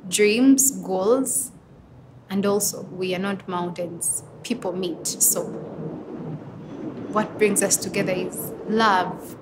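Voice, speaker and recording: A young woman in her twenties from Uganda, answering interview questions earnestly and thoughtfully, pausing often with small fillers. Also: medium pitch, noisy background. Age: 20s. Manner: earnest, reflective, with pauses and fillers. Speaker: interviewee, advocate for women and girls.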